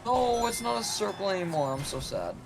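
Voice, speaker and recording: A man's voice: sits high, animated, brisk, creaky, loud music behind the voice. A man co-hosting a game stream, bantering sarcastically and poking fun at the game. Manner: sarcastic, teasing, jokes at the game's expense.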